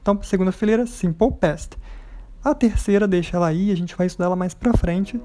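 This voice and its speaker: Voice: mid-range voice, brisk, dark tone. An English teacher with a Brazilian Portuguese accent, patiently correcting exercises step by step and checking in with students as they go. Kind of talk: recorded lesson, correcting exercises.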